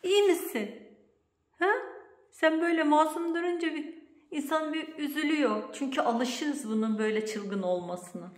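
A woman hosting a casual home vlog, talking to viewers and her daughter in an animated, exclamatory way, with a playful scolding tone. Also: lowish voice. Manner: switches to a cooing baby voice for the cat. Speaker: vlog host and mother. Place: home indoors.

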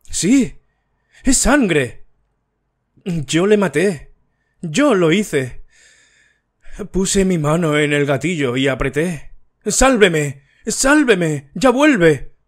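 A man's voice: big pitch swings, takes it slowly, husky, full character voice. A man voicing a hysterical terrified widow. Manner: frantic, pleading, high and strained. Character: frightened widow, middle-aged woman, hysterical.

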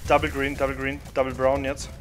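Man, mid-pitched, casual gamer talk, slangy, music in the background. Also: monotone, fairly quick, a bit bright. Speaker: gamer, video host. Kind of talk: casual gaming squad chat.

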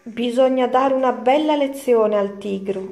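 A woman's voice: fairly high pitch, unhurried, vocal fry, darkish tone, roomy sound. A woman voicing a grumpy old male rabbit in a children's storybook reading, in a cross, scolding manner. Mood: scheming.

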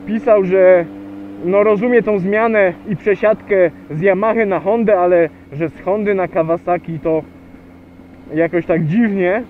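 A motovlogger with a high, unhurried voice chats casually to viewers while riding a motorcycle on an outdoor road, hesitating often and using many fillers. His helmet mic sounds tinny and lo-fi, picking up wind and engine noise.

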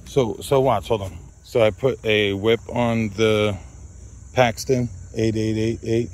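Out in a grassy field by the woods, a man vlogs while testing handheld radios with short test calls, chatting casually, rambling, and talking to his dog. His voice is on the low side with a darkish tone, slow and fairly even, over slight background noise.

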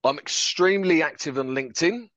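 A French man chats casually and upbeat as a podcast guest over a headset video call from his home office, with self-deprecating humour. His voice is on the high side, fairly quick and fairly bright. The call audio is dry, dull and slightly lo-fi.

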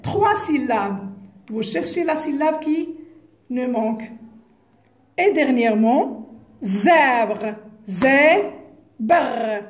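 A woman teaching a phonics lesson to young pupils, speaking slowly and deliberately, repeating each word and spelling out its syllables. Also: sits high, animated, a little mellow, echoey room. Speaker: kindergarten teacher.

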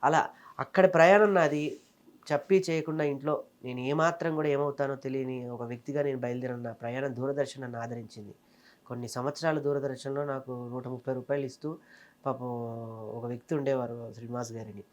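A man in his thirties from Telangana, a comedian and mimicry artist, telling his career story in a casual interview with fast, animated delivery. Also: medium pitch. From Telangana, India.

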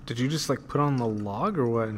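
Man, thirties, podcast co-host; dry, teasing, mid-pitched. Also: brisk. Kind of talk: casual chat.

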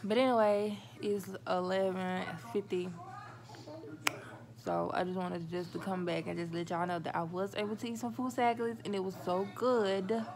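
A woman's voice: mid-range voice, flat delivery, normal speed, crowd noise. A young woman vlogging casually in a car, talking with braces on and chatting to her viewers as y'all, a little slurred by the braces. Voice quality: talks a little funny with braces. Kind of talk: casual vlog update. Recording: phone recording with clear car noise. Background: car and road noise.

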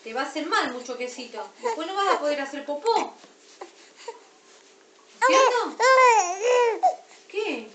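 A mother with an Argentine accent talking to her baby at home, coaxing her sweetly and scolding her gently. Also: sits high, sing-song, a little slow, long pauses. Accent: Argentine Spanish. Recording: roomy, distant, noisy home video.

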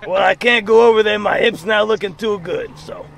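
A man's voice: high voice, moderate pace, fairly bright tone. A man voicing a feisty, forgetful old gangster granny in a game role-play, with a wavering, elderly singsong delivery. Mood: doddering, sheepish. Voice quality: creaky, wavering old-lady voice.

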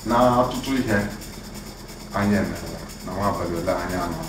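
A man's voice: low voice, fast. A middle-aged man with a Nigerian accent, mixing Igbo and English as he gives an informal report in an office, recorded from a far camera. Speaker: acting college provost. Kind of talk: informal report to visiting chiefs. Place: office room. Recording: echoey room from far off, noisy.

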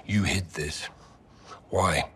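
Gruff, very deep British army captain. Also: male voice, steady tone, extremely slow, fairly bright tone, a little hiss or hum, heavily acted. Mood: angry, accusing. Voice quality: gruff, low. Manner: blunt, sardonic, menacing. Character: gruff, defiant military captain confronting his superior. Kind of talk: cinematic military game acting.

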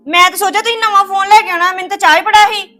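An actress playing a young wife who complains in a shrill, whiny voice in a family drama. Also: female voice, sing-song, a little fast, bright, forceful tone, slightly rough, heavily acted. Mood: upset. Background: music.

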